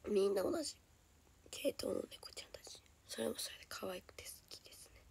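A young woman with a Kansai accent chatting casually on a solo livestream, her voice hoarse and lower than usual, chatty and giggly and often dropping into soft whispers. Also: lively intonation, a little fast. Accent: Kansai Japanese. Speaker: idol livestreamer.

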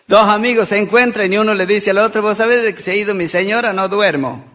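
High-voiced folk comedian. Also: male voice, noisy background. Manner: quick joke-telling with voiced characters, laughing at own punchlines. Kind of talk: live stand-up jokes between songs. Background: music.

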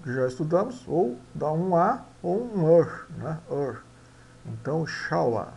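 Male teacher, slightly high, gravelly voice; drills pronunciation slowly letter by letter. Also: very animated, a little mellow. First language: Portuguese. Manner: spells out sounds letter by letter, repeats words, ends phrases with "né?". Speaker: English teacher. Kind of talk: slow pronunciation lesson.

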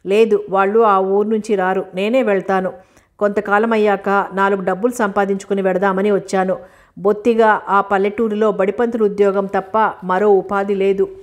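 A woman's voice: mid-range voice, little pitch movement, normal speed, natural voice. A woman reading the lines of a polite, humble older village schoolteacher in an audiobook. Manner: polite, modest.

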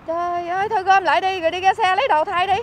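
A woman with a Southern Vietnamese accent, a vlogger chatting on the street who fusses, scolds and keeps exclaiming out loud. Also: very high-pitched, fairly even intonation, rapid-fire, slight background noise. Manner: scolding and fussing, exclaims often. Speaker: vlogger helping homeless people. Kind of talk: casual on-street chat. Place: outdoors by a street.

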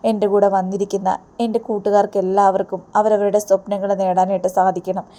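A woman's voice: mid-range voice, little pitch movement, quick pace, warm tone, natural voice. A woman voicing a devoted young woman who forgives her brother, speaking earnestly.

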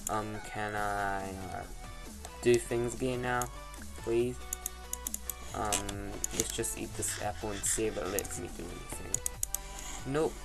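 A young man giving casual gameplay commentary, thinking aloud in a halting, rambling way. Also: lowish voice, steady tone, vocal fry, music in the background. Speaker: gaming YouTuber.

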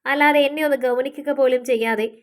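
A jealous young wife speaks coldly and pointedly, needling a rival, as a woman storyteller puts her on. The voice is high and clear, close to the reader's own. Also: steady tone, fairly quick, close to an everyday voice. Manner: cold, pointed.

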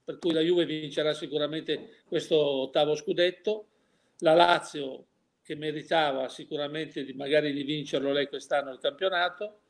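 An older man gives a casual interview in a slightly high voice, with a steady tone and normal speed. He is opinionated, fills his talk with rhetorical questions, and often restarts his sentences.

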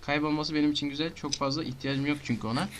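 A man giving casual commentary on his own gameplay, talking to himself and breaking into frantic shouting and rapid repeated words. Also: a little high, steady tone, slight background noise. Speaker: gamer.

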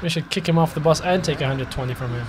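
Excitable man doing gameplay commentary. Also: a little high, fast, noisy background. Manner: excitable, talks to game characters. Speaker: gaming YouTuber.

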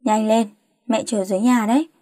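A fussy, worried middle-aged mother who keeps nagging and scolding, as a woman reads her part. The voice sits fairly high and warm, and the recording is dry and close. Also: fairly even intonation, brisk, dry recording, natural voice.

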